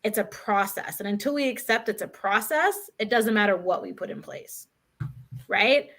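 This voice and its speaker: A woman speaking as a guest, telling a story in a chatty, animated way with many "like"s and "right?"s. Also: mid-range voice, normal speed. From Canada. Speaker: guest, author. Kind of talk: casual conversational storytelling.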